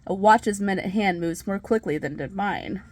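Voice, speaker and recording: A nervous, obsessive murderer tells a gothic horror tale, acted out by a woman in a medium-pitched voice. The delivery is hammy and theatrical, as on a stage, with words drawn out and repeated for gleeful, crazed emphasis. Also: moderate pace, a little mellow, close to an everyday voice. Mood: gloating. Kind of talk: dramatic reading of a gothic horror story.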